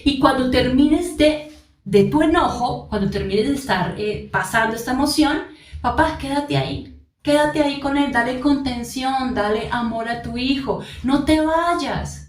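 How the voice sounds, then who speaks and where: A woman parenting coach talks earnestly, directly addressing moms and dads in a podcast. Her voice sits a bit high. It is heard from some distance in a roomy, echoing space. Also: measured pace. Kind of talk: parenting advice podcast monologue. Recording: echoey room, distant mic.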